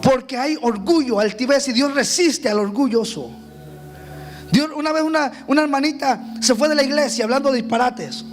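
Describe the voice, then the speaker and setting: A man with a very high voice delivers a fiery sermon as pastor. He drifts between hushed, conversational storytelling and sudden shouted declarations, with soft music playing faintly behind him. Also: moderate pace. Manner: impassioned preaching that swings from soft storytelling to shouts. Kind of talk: fiery Pentecostal-style sermon.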